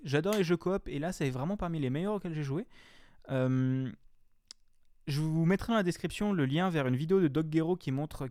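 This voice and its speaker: A man's voice: fairly high pitch, darkish tone, no echo, clean studio sound. A young man reviewing a game in casual chat, rambling and slangy, with frequent swearing and filler words.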